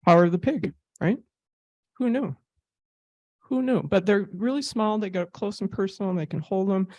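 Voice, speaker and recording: A woman's voice: mid-range voice, quick pace, darkish tone, no room sound. Chatty woman telling stories at a talk. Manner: chatty storyteller, laughs often, many fillers. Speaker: therapy animal volunteer giving a club talk. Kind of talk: casual presentation with slides.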